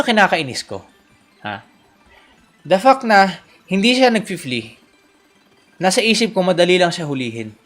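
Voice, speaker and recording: A young Filipino man livestreaming a game in casual commentary, joking, teasing and coaxing, with sudden loud outbursts. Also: high voice. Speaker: gaming streamer.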